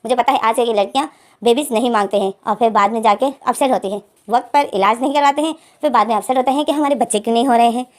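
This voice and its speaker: A woman's voice: a little high, rapid-fire, natural voice. A woman voicing a stern, insistent female doctor in a told story, firm and lecturing. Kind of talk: storytelling with acted dialogue.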